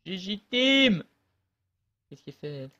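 Man gamer, slightly high voice, rambling casual commentary with lots of fillers, close mic. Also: sing-song, extremely slow, pushed and bright, dull audio. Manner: rambling, hesitant, many fillers and restarts. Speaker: gamer commentating his own match. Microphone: close desk mic.

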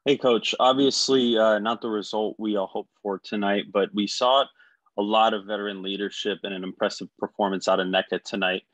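Reporter, male: lowish voice, dry sound, tidy question. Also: fairly even intonation, a little fast, fairly bright tone, no echo, lo-fi sound. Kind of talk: press conference question.

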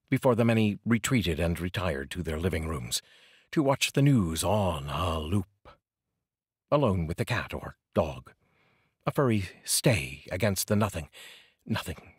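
Speaking close to a pop-filtered studio mic on a boom arm, a middle-aged channel host gives an expressive poetry reading. His very low, husky voice moves through lively pitch sweeps as he phrases each line deliberately and dramatically. The small, curtained home studio yields a dry recording.

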